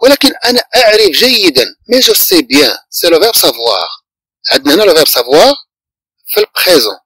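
A man with a Moroccan Arabic accent teaches a French reading lesson. He repeats each phrase slowly and then translates it into Arabic. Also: high-pitched, sing-song, sharp tone, slightly rough, no echo, rough recording.

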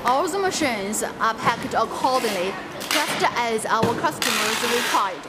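Over loud music, a young tour guide walks viewers through a factory and its warehouse, describing every step as she points things out. She speaks expressively at a slightly slow pace in a fairly high voice, and the echoing hall is noisy.

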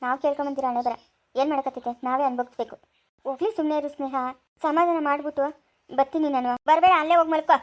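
A woman's voice: high-pitched, steady tone, lightly acted. A woman, acting as quarrelsome village women in a family drama, scolding and complaining. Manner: scolding, complaining rapid speech. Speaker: family skit actor.

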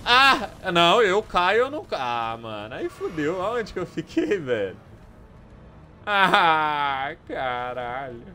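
A young man with a Brazilian Portuguese accent giving live gameplay commentary, excitable, swearing often and yelling at enemies. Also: a little high, takes it slowly. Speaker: gaming streamer.

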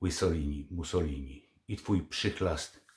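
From his living room, close to the camera, an older man vlogs angry political commentary, scolding and mocking sarcastically. His bass voice is unhurried with a darkish tone.

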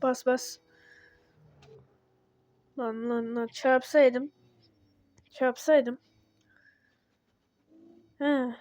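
A woman giving casual gameplay commentary as a channel host, excitable and talking back to the game when things go wrong. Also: high voice, extremely slow, long pauses, no echo. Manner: excitable, talks to the game, grumbles and yelps at mistakes.

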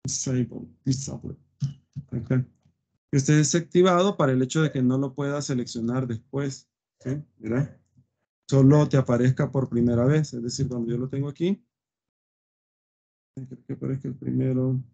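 A man's voice: mid-range voice, fairly even intonation, moderate pace, gravelly, pauses often, dark tone, breathy edge. A man teaching a live web design coding lesson, thinking aloud with fillers and often checking "¿sí?" with his students. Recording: dull lo-fi screen recording.

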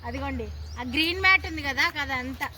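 A woman's voice: high voice, quick pace, bright, forceful tone. A woman, chatting casually to viewers as host of her own cooking channel while out and about. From India. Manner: chatty, addresses viewers directly. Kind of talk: casual travel vlog. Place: outdoors and in a car. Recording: noisy outdoor phone recording.

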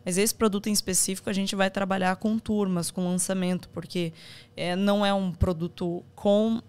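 A woman's voice: medium pitch, moderate pace, clear, resonant tone. A woman with a Brazilian accent, speaking as a podcast guest about her courses and acting out the advice she quotes. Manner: animated, acts out quoted advice. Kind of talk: conversational interview.

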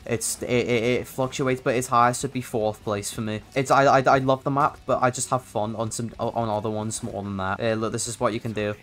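This English gaming video creator, a young man from North London raised in Liverpool, mixes both accents as he rambles through slangy, chatty gameplay commentary. He speaks fairly quickly and evenly at a medium pitch, with few pauses and a slightly bright sound.

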